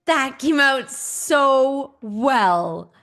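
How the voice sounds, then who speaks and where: A woman's voice: high-pitched, lively intonation, very slow, fairly bright tone. A woman co-hosting a livestream, giggly and encouraging in her banter. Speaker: co-host.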